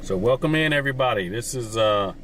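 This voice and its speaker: A man's voice: medium pitch, expressive, a little fast, a bit bright, slight background noise. A man hosting a livestream, narrating live from a scene. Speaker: livestream host.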